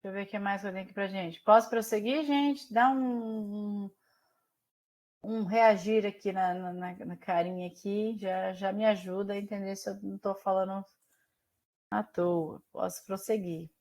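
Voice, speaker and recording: A woman with a Brazilian accent leads an online language lesson. Her voice sits at an ordinary middle pitch, and she explains things step by step. She keeps stopping to ask her students questions, as if on a video call. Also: steady tone, normal speed, a little mellow. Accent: Brazilian Portuguese. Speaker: teacher. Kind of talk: online class lecture.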